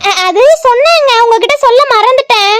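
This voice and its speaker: A woman's voice: extremely high pitch, over loud music. Woman voicing a cheeky young daughter-in-law. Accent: southern Tamil Nadu. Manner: sassy, cheeky, quick retorts. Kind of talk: cartoon voice acting.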